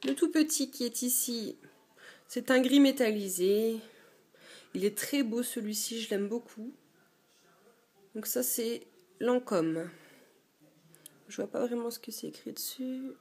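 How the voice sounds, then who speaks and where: A young beauty vlogger shows off her own collection in a dim bedroom, casually and hesitantly, with lots of fillers. Her voice is on the high side, a little mellow with a breathy edge, and she speaks a little slowly, pausing often.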